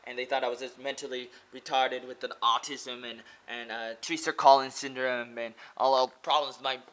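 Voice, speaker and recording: A man's voice: mid-range voice, flat delivery, moderate pace, fairly bright tone. A young American man in his twenties from Oregon, talking casually and earnestly to his webcam in a small room, rambling with lots of "like" and repeating himself. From Oregon, USA. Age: 20s. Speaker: vlogger and English teacher. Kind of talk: casual to-camera monologue. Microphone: laptop webcam close up.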